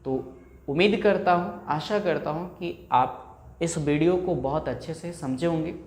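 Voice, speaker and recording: A man whose first language is Hindi teaches English pronunciation at an unhurried pace. He repeats words over and over, drawing out the sounds. His voice rings in an echoey room. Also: on the high side. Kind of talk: explaining pronunciation to a class.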